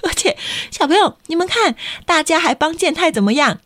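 A woman with a Taiwanese Mandarin accent reading a picture book aloud to children, animated and asking them questions. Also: very high voice, brisk, no echo. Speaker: children's storyteller.

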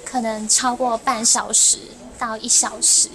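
A woman, a former cram-school teacher, telling animated stories on a podcast and laughing often. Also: measured pace, low-quality recording. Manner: animated, laughs often, acts out quotes in a shrill voice. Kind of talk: casual podcast storytelling.

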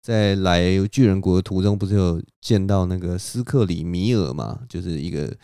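A man's voice: deep voice, moderate pace, dark tone, clean tone, dry recording, clean studio sound. A man voicing a boastful giant king from a myth, teasing and gloating as he talks. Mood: kindly.

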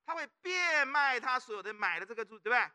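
With an extremely high-pitched, clear, resonant voice, a middle-aged male pastor speaking with a Taiwanese Mandarin accent preaches fast. He animates the sermon by often quizzing the congregation in call-and-response style.

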